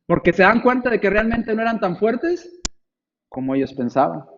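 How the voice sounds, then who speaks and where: High-voiced preacher in his forties. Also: normal speed, muffled recording, slight background noise. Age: 40s. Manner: expressive, acts out frightened voices in anecdotes. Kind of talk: sermon. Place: church.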